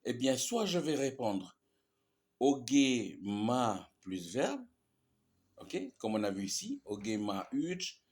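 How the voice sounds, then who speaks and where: A man's voice: mid-range voice, sing-song, takes it slowly, a little mellow. A man teaching a language lesson, explaining grammar patiently and repeating each example with frequent "ok?" checks.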